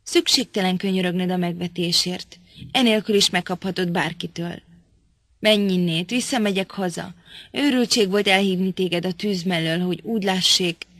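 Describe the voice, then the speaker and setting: A woman's voice: fairly low pitch, fairly bright tone, no room sound. A woman reading an audiobook, voicing a proud, impatient young woman who talks sharply and scolds. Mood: scornful.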